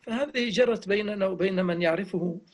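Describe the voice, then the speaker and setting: A man, reminiscing in conversation in a gentle, reverent way and softly repeating phrases. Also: sits high, brisk. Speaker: interviewee.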